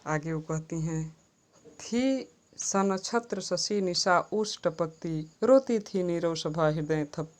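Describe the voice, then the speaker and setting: Woman, teacher, poetry lesson, recites then explains, unhurried, low-pitched. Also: a little mellow. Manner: recites verse lines then explains them plainly.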